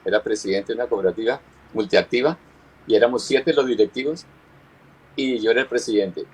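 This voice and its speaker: A pastor giving an earnest personal testimony, often halting and repeating his words as he recounts. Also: medium pitch, darkish tone, slightly rough, poor audio.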